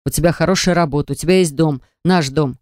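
A woman voicing a tense young husband who talks in a low, strained growl. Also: fast, darkish tone, dry recording, clean studio sound, natural voice. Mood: shouting.

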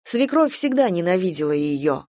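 A woman narrating a dark story as an audiobook, in a measured, dryly ironic way. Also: on the low side, sing-song, no echo, clean studio sound.

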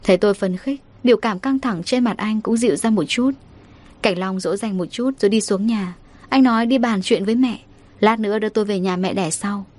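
A woman storyteller, narrating a first-person story in a steady, emotive reading. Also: medium pitch, a little fast.

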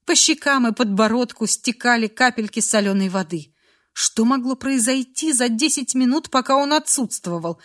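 A woman's voice: on the high side, expressive, moderate pace, a bit bright. A woman narrating a romance novel in a dramatic reading style. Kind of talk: audiobook narration.

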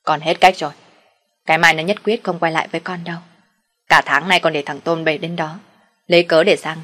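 A woman's voice: low voice, steady tone, a little fast, a bit bright. A woman voicing a fed-up young man who talks in a sulky, curt way. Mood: dejected.

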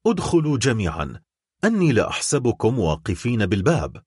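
A dignified shipowner near ruin, his voice quavering as he fights to keep it steady, as a male reader puts him on. The delivery is husky and rises and falls a lot. It sounds close and dry. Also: on the low side, fairly quick, dry recording, heavily acted. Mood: grave. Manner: trembling voice held steady.

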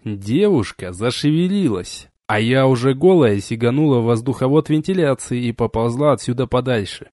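A man reading an adventure novel aloud as an audiobook, in an expressive storytelling way. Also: medium pitch, normal speed, few pauses, no echo, clean studio sound. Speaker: audiobook reader. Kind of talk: audiobook narration.

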